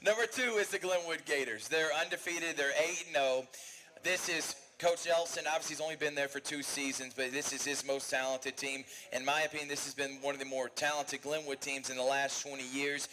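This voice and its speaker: A man hosts a live sports talk show and runs through rankings at an eager clip. His voice sits a little high for a man. Some light noise hangs under the recording. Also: pushed and bright, low-quality recording. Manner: fast, enthusiastic rundown of rankings. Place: bar and grill.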